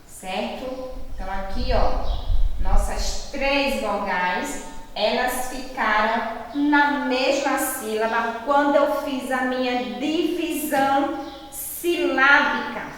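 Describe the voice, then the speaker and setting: A Brazilian woman teaching a remote lesson to young children. She explains slowly and patiently and keeps checking that they follow. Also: high voice, fairly bright tone, very echoey, long reverb tail, recorded from a distance, slight background noise, low-quality recording. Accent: Brazilian Portuguese. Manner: slow, patient, drawn-out explanations with frequent checks. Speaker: primary school teacher.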